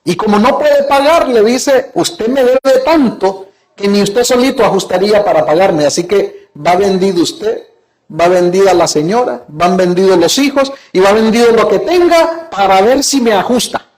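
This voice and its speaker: A man's voice: sits high, normal speed, darkish tone, rough recording. A man preaching a sermon as pastor, retelling a parable in his own words, quoting its dialogue, and putting rhetorical questions to his congregation.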